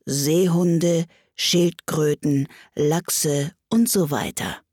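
A woman voicing a weepy, melancholy turtle creature that speaks slowly, low and sorrowfully. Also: steady tone, darkish tone, breathy edge, dry recording, clean studio sound, heavily acted. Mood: mournful. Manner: slow, sighing, low and sorrowful.

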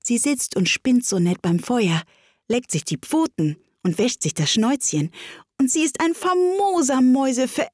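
A woman's voice: high voice, expressive, unhurried, a little mellow, slightly rough, no room sound, studio quality, voice pushed up, full character voice. A woman voicing a polite, curious young girl who chatters eagerly and apologizes in a rush.

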